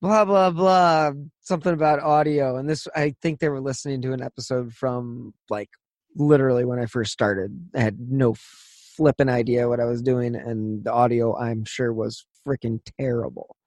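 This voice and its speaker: A man's voice: mid-range voice, fairly even intonation, normal speed, a little mellow, dry recording. A man hosting a podcast who talks bluntly and swears freely in casual chat. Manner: blunt, profane, heated venting. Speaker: podcast host.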